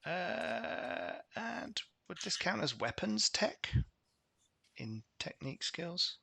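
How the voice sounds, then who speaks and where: Gravelly player, bright tone. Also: male voice, a little high, sing-song, slow, no echo. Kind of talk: casual tabletop play.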